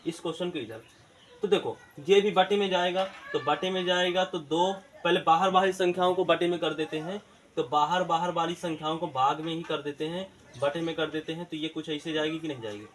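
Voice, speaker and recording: Chatty math teacher, tinge. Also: male voice, a little high, a little fast, a bit bright, a little hiss or hum. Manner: rhetorical questions answered himself; colloquial eastern Hindi words. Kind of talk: classroom-style math lesson video.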